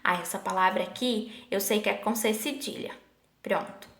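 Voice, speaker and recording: A woman's voice: mid-range voice, fairly bright tone. Patient woman teacher in an echoey room. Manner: patient, asks the class questions, slows to spell out sample words. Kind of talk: online Portuguese lesson.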